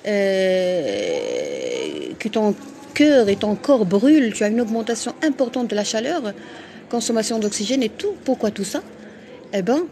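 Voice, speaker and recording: A woman's voice: a little high, warm tone, slight background noise. A woman doctor from Morocco hosting a live stream, answering viewers' comments frankly, with frequent fillers and restarts.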